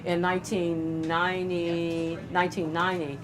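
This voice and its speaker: An older woman with a slightly low voice tells family stories in an interview. She speaks in a relaxed, conversational way. When she quotes other people, she slips into their voices with animated delivery. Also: moderate pace, background noise. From California. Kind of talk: storytelling interview.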